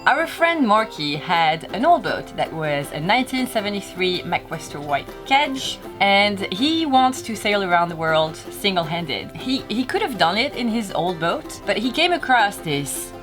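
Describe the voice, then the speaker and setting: A woman presents a vlog with a stuffy, nasal, duck-like voice because she is sick. Her pitch sits in the middle range for a woman as she tells her story. Guitar music plays clearly behind her. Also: very animated, unhurried, few pauses. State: sick with a cold. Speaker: sailing vlog host.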